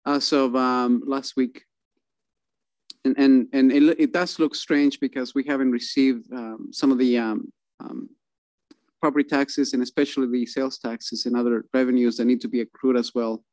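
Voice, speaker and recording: A man presenting a city budget at a council meeting over a video call, halting with many fillers and restarts. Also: medium pitch, flat delivery, a little mellow, no room sound.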